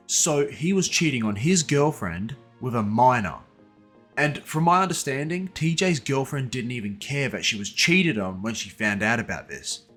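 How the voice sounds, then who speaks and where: A man's voice: medium pitch, fairly bright tone. A man narrating a scripted exposé in a casual, blunt and profane manner, with sardonic asides aimed directly at the person he is exposing. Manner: sardonic, addresses his target directly.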